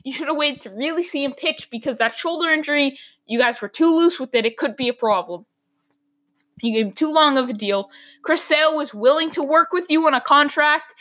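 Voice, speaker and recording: On her own sports talk podcast, a woman vents her opinions in frustration. Her slightly high voice has a fairly bright tone and is turning hoarse after talking too long.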